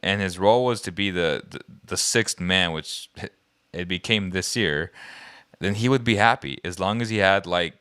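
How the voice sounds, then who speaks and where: A man's voice: sits low, moderate pace, clear, resonant tone, no echo, studio quality. A man co-hosting a casual basketball talk show, reacting to trade news and musing aloud about players. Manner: relaxed, trails off and restarts, laughs easily. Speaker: co-host. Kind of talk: casual sports chat.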